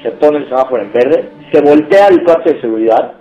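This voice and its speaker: A young man with a Mexican accent telling a funny story to friends in casual, slangy talk, laughing and acting out shouts. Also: medium pitch, animated, a little fast, roomy sound, dull audio. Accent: Mexican Spanish.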